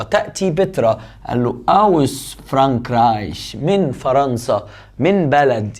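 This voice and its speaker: A man with an Egyptian Arabic accent teaches German, with a pitch that moves a lot and climbs on every question. He explains in quick Arabic, then slows right down for each German phrase. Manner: switches between Arabic explanation and slow, careful German; lively, rising question intonation. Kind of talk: language lesson.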